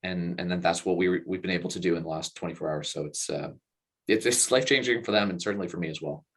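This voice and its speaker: Deep-voiced man telling a story earnestly. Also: fast, fairly bright tone, breathy edge. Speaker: guest, company co-founder. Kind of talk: personal storytelling in an interview.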